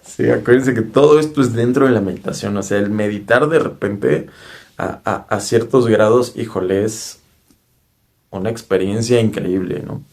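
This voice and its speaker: In a personal storytelling monologue, a Mexican-accented spiritual speaker earnestly relates his own spiritual experience, frequently adding tag questions to engage listeners. He talks at normal speed in a lowish, darkish voice.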